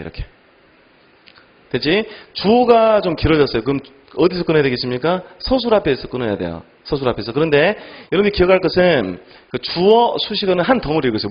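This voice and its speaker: A male English teacher giving an online exam-prep lecture, firing quick questions at students and answering them himself. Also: muffled recording. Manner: animated, lively pitch.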